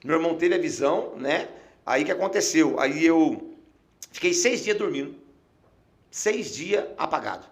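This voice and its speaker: A middle-aged Brazilian man, a pastor, telling an emotional testimony in a podcast conversation, dropping to a hush as he nears tears. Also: a little high, expressive, measured pace, vocal fry. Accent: Brazilian Portuguese. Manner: emotional storyteller, falls quiet and near tears.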